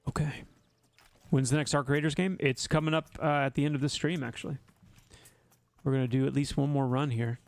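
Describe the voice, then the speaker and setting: A man streams a video game and chats casually with his viewers, teasing them with wry asides. His mid-range voice is flat and fairly quick, and the recording has no echo.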